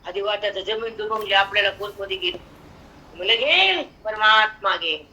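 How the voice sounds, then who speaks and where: Woman, older, Marathi accent, devotional discourse, chanted verses with spoken explanations, bright tone. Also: mid-range voice, poor audio. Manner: chants verses slowly, then explains in lively spoken asides. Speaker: spiritual teacher expounding scripture.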